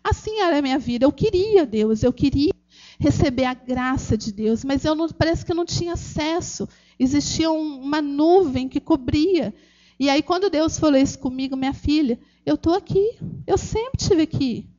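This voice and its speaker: A Brazilian woman with a Brazilian Portuguese accent gives an earnest, emotional personal testimony at a church gathering, speaking directly to the audience, calling them "gente" and restarting often. Her voice is high-pitched with lively intonation and a dark tone, at normal speed. The recording is muffled.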